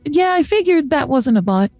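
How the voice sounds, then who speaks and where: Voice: sits high, very animated, normal speed, darkish tone, no room sound. A streamer talking through a voice changer that makes the voice sound feminine, chatting casually and rambling with many fillers. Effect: voice changer making the voice sound feminine. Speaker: VTuber streamer. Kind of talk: casual gameplay chat.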